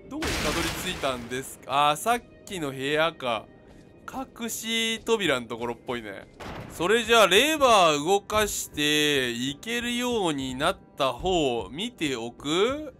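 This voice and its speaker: A man commentating his own game play, with a high, bright voice that swings widely in pitch. He jokes along and talks straight at the enemies on screen. Light music plays behind him. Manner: jokey, talks to enemies, yells in panic. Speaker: game streamer.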